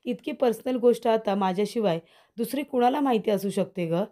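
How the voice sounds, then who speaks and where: A woman's voice: fairly high pitch, a little fast, dark tone, lightly acted. A woman voicing a grown man who pleads with his mother to believe him. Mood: pleading. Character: adult man, pleading son.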